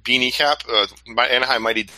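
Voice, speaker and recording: A man's voice: medium pitch, steady tone, brisk, pushed and bright, no echo, rough recording. A man hosting a casual chat show about online reselling, laid-back and conversational, from a hot room at home.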